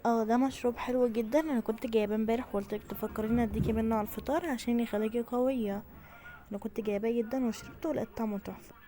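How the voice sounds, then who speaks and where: A woman's voice: a little high, steady tone, racing, warm tone, natural voice. A woman with an Egyptian accent voicing a scheming witch posing as a mother, commanding and falsely sweet, in a game role-play. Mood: sugary. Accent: Egyptian Arabic. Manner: commanding, sugary then harsh.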